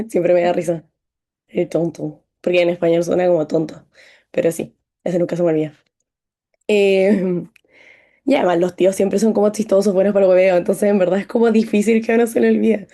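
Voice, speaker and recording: Chilean woman teaching French, mellow voice. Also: medium pitch, fairly even intonation, brisk. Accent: Chilean Spanish. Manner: encouraging, explains with lots of examples. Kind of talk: online French lesson.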